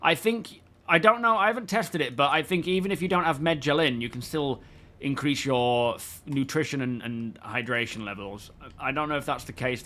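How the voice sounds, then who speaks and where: A man's voice: mid-range voice, pushed and bright. A man live-streaming a game, chatting casually and rambling while greeting his viewers by name. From United Kingdom.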